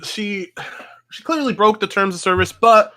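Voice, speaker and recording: Bright, higher-pitched male podcast co-host. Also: normal speed. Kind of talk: casual chat, sweary.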